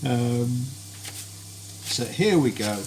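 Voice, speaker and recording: Speaking very slowly with lively intonation at a medium pitch, a cooking streamer chats cheerfully and politely from his home kitchen during a live stream, greeting viewers by name. Kitchen sounds and sizzling frying accompany him.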